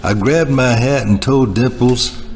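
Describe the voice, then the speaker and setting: A man puts on a hardboiled noir hero narrating a parody radio drama. He is deadpan, terse and slangy, with a mid-pitched voice and prominent music underneath. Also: measured pace, natural voice. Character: self-important hardboiled male private-eye type, slangy bank manager. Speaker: narrator and lead character.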